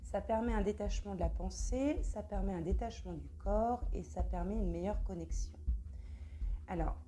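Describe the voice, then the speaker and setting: A woman guiding a meditation, speaking softly and close to the ear. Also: mid-range voice, normal speed. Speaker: meditation guide. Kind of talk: spoken introduction to a guided meditation.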